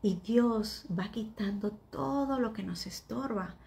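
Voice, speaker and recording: A woman giving a devotional sermon in a soft, earnest voice that often drops to a whisper. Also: medium pitch, slow, creaky.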